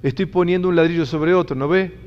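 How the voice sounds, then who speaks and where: A man's voice: on the high side, fairly even intonation, fast, clean tone, voice pushed up, close to an everyday voice. Man doing a grumpy worn-out bricklayer, impatient, raised voice, dull reverberant hall sound. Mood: irritated. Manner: annoyed, insistent, repetitive questions. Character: irritated tired male bricklayer, gruff and impatient.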